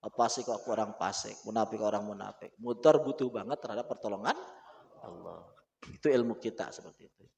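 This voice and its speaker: A man with a Sundanese accent teaching an Islamic book study, animated and laughing often as he mixes languages. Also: fairly low pitch, quick pace, gravelly. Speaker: religious teacher.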